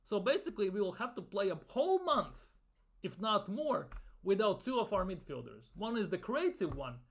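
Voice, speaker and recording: A man ranting in a football fan commentary video, exasperated and sarcastic, with some swearing. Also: sits high.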